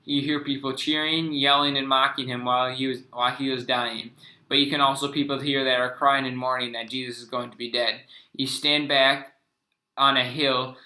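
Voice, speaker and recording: A young man reads his class presentation aloud in a flat, even voice with a bright, forceful edge. He stumbles and restarts over words. The sound carries a roomy echo. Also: mid-range voice, normal speed.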